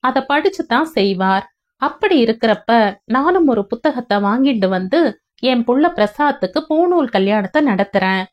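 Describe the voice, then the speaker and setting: A woman's voice: a little high, animated, normal speed, lo-fi sound, lightly acted. Soothing young husband in an audio novel, patient and explaining, read by a woman narrator. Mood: reassuring. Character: gentle reassuring young husband.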